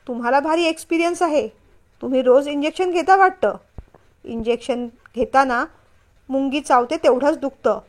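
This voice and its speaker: A woman's voice: high voice, lightly acted. A woman reading a story, voicing a stubborn, frightened young wife who whines and refuses. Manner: whiny, stubborn.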